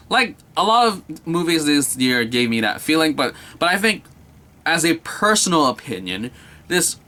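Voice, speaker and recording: A man's voice: medium pitch, pushed and bright. A young man giving a casual, enthusiastic movie review, rambling and repeating himself with many filler words.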